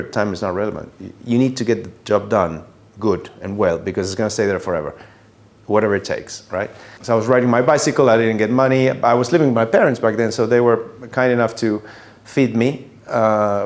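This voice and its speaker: A middle-aged or older man from Buenos Aires, a native Spanish speaker with an Argentine accent, telling his career story as a sound engineer in a halting, reflective way with emphatic repetition. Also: lowish voice. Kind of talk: personal career storytelling to an audience.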